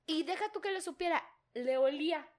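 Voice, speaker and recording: High-voiced Mexican woman telling crude stories. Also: fairly quick. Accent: Mexican Spanish. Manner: crude, slangy, laughing, mimics voices. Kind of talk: casual storytelling chat.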